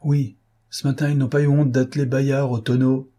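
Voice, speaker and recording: A fiery, teary young woman pours out her grievances, put on by a man reading aloud, her voice pushed well above his normal range. The tone is plaintive and vehement, with a husky, breathy grain still audible. It comes across as a storybook character in full complaint. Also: mid-range voice, flat delivery, moderate pace, warm tone, voice pushed up, natural voice. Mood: indignant. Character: tearful indignant young girl fiancée.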